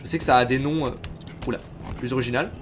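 A man streaming a game live, chatting casually and reacting loudly as he plays. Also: medium pitch, fairly even intonation, fast, over music. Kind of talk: live gameplay commentary.

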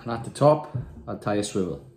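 Against a little hiss or hum, a Welshman in his thirties briskly and calmly talks through tying a fishing rig at a desk, his pitch fairly low and his manner plain as he ties knots. It's a casual step-by-step tutorial shot on a desk phone camera in a small, echoey room with windows.

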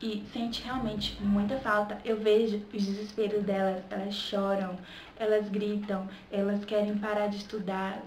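A young woman with a Bahian accent chats casually to her camera, her voice sitting a touch high. She talks in a relaxed, conversational flow and keeps checking in with the listener. The room is echoey, with a faint hum of ambience behind her. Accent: Bahian Brazilian Portuguese. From Salvador, Bahia, Brazil. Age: young adult. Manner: chatty, keeps adding "sabe?" to her points. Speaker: vlogger. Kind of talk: casual vlog chat.

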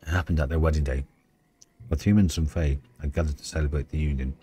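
Man reading as a wistful dryad, very deep voice. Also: steady tone, quick pace, mellow, breathy edge. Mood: mournful. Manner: solemn, storytelling. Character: wistful female dryad, ancient gentle tree spirit. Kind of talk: video game dialogue read aloud.

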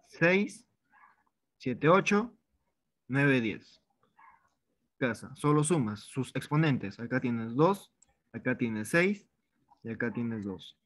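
The recording is dry, and the man's medium-pitched voice is a bit bright. He's a Peruvian chemistry tutor running an online review, informally repeating words while he writes problems out on the board.

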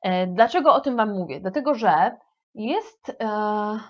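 A woman's voice: mid-range voice, animated, unhurried, dull audio. A woman teaching English vocabulary in a playful, affectionate manner, with frequent hesitation fillers. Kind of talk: lively language lesson.

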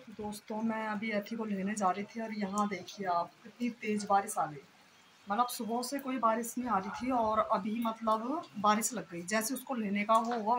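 A woman's voice: mid-range voice, fairly bright tone, a little hiss or hum. A woman in her thirties vlogging casually about her day at home, talking on with many fillers and a cough she mentions. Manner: chatty, rambling with many fillers. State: coughing, sore throat. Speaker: vlogger and mother. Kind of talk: casual daily vlog chat.

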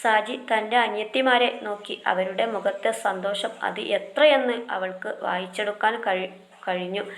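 A woman narrates a family story in a gentle, expressive reading voice. Her pitch sits in a middle range for a woman.

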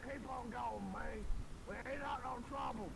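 A man playing a robber in game voice chat, talking in a brash, loud, bragging way. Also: very high voice, unhurried, gravelly, crowd noise, rough recording. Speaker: robber player. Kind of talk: game voice-chat role-play.

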